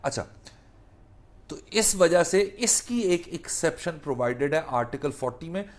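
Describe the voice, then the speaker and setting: This law lecture comes from a Pakistani man whose voice sits on the higher side and is expressive, moving at a normal speed. Mixing Urdu and English legal vocabulary, he explains with energy and returns to key phrases.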